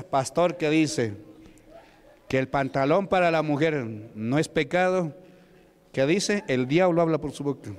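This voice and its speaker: A man's voice: a little high, smooth. A man from Peru preaching as a deacon, commanding and rebuking at a deliverance service in a church. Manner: commanding, repetitive shouted rebukes. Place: church sanctuary. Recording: echoey church hall.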